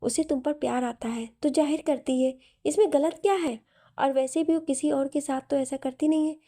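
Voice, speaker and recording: A woman's voice: high voice, fairly even intonation, normal speed, warm tone. A woman voicing a playful, teasing young woman in a story. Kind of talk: storybook narration.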